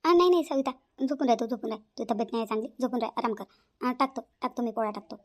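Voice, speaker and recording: A woman voicing a calm, bossy elder sister-in-law, speaking in a soothing but firm way. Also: on the high side, very fast, close to an everyday voice.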